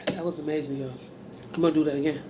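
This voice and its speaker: An American woman hosts a laid-back mukbang, chatting in a folksy, informal style between bites and humming as she savors the food. Her low voice stays fairly even in intonation and runs rapid-fire, with background noise present.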